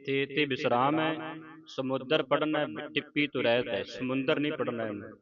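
A man teaching pronunciation of scripture verses, reading each line slowly and then explaining where to pause and how to say each word. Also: mid-range voice. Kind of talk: slow line-by-line pronunciation lesson. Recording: dull lo-fi recording with crowd noise behind.

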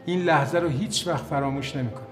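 Dude doing a sarcastic janitor, high voice, mock-thankful, echoey set with faint music. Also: male voice, lightly acted. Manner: sarcastic, self-pitying, mock-grateful. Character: touchy sarcastic male building janitor. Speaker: building cleaner.

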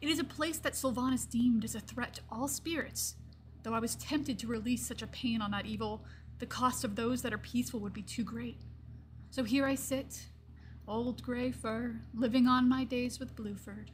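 A woman speaks as a gentle, elderly gray-furred lion-folk druid in a fantasy game monologue, using her natural, fairly high voice with fairly even intonation. Solemn and grateful, she reflects wistfully, pausing and trailing off in hushed tones. The audio quality is poor.

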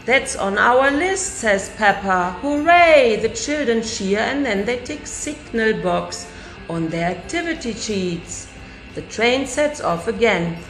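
A middle-aged nursery teacher reads a picture book aloud to children in an indoor classroom, lively and raising her voice for each character. Her voice sits a little high and her pace is slow. The recording is rough and roomy, with faint music in the background.

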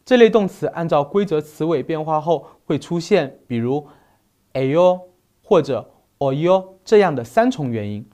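Male teacher voice, slightly high, unhurried, reads out verb lists item by item. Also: expressive, dark tone. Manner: slow, deliberate, spells out verb forms one by one. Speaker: Spanish teacher. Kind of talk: recorded grammar lesson.

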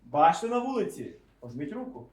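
A man preaching a sermon, asking his listeners questions and raising his voice to a shout for emphasis. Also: high-pitched, big pitch swings, brisk. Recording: echoey room, mic far off.

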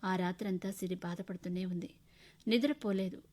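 A woman's voice: lowish voice, steady tone, moderate pace, dark tone. Woman narrating a short story. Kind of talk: first-person storytelling narration.

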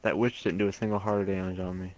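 A young man chatting casually while playing a game, laid-back and quick to laugh at himself. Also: sits low, level tone, noisy background. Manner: laid-back, giggly, self-mocking. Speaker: gameplay streamer. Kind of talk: casual gaming chat.

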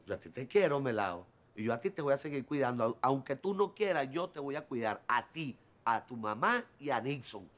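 A man's voice: mid-range voice, very animated, fairly quick, fairly bright tone. An actor with a Venezuelan accent playing an earnest stepfather who pleads affectionately with his stepdaughter in a telenovela. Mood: pleading. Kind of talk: telenovela acting.

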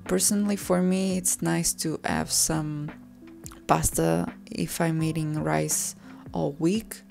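A woman calmly narrating her home cooking video, soft and unhurried, sometimes correcting herself mid-sentence. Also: low-pitched, creaky. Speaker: cooking vlogger. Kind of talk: calm voice-over narration. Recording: voice-over with soft background music.

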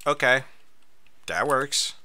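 Bright, animated man gaming. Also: mid-range voice, slow. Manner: swears a lot, yelps when startled. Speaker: gaming streamer. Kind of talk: casual gameplay chat.

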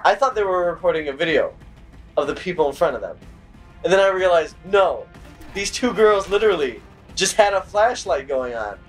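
A man co-hosting a gaming video, telling stories in an animated, exasperated way and shouting at the game in bursts. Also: high-pitched, normal speed, soft background music. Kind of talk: casual chat while playing a game.

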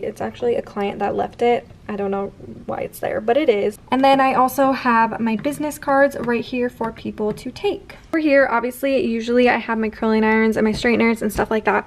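Chatty young woman touring her salon. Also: a little high. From California. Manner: chatty and upbeat, frequent "like" and "so". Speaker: hairstylist. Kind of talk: casual salon tour vlog. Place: indoor hair salon. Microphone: handheld camera close by.

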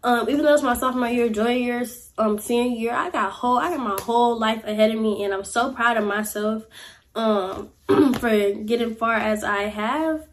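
In a life-update vlog, a young woman talks to the camera from a chair in a small room, chatty and animated, leaning heavily on "y'all" and "like." She speaks at a moderate pace with a slightly high voice, and there's slight background noise.

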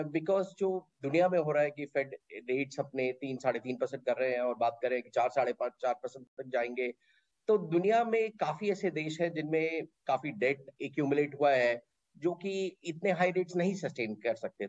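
A man's voice: fairly high pitch, darkish tone, no room sound, highs cut off. A man, an asset manager, giving his view on a video call and switching often between English and Hindi.

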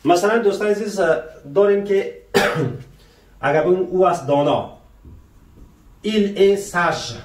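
A man's voice: fairly high pitch, a little mellow. Man teaching, echoey room. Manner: keeps asking the viewers rhetorical questions, calling them dear friends; slow, careful pronunciation of French example sentences. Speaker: language teacher. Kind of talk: French lesson taught in Persian. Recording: roomy, voice a bit far from the mic.

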